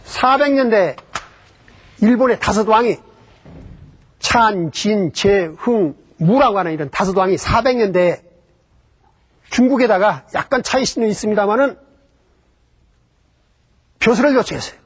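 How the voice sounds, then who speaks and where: A man's voice: sits high, expressive, a little slow, long pauses, slightly rough. A man giving a history lecture about Japan, explaining step by step and posing rhetorical questions that he then answers himself.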